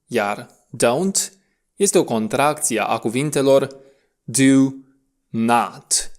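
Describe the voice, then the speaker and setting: Man teaching English pronunciation. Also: medium pitch. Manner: slow, drawn-out model words between brisk instructions. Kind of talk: audio language lesson.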